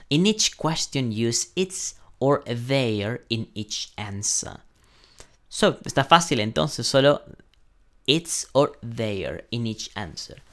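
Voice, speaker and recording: Male language teacher, unhurried, patient step-by-step delivery, mid-pitched, keyboard clicks behind. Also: fairly bright tone. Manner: patient, explains step by step with frequent "ujú" and "¿no?"; slows down sharply when pronouncing English examples. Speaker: English teacher. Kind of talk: online English lesson taught in Spanish.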